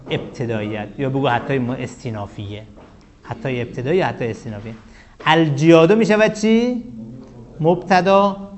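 A man teaching a classroom grammar lesson. He asks the class questions and answers them himself, and his voice drops to a low murmur at the ends of phrases. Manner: chants verse slowly.

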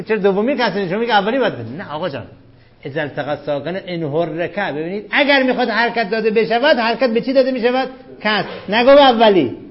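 A man teaching a grammar class, who keeps questioning his students and repeats the rules with emphasis. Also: high voice. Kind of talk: classroom lecture on Arabic grammar. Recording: dull lo-fi classroom recording.

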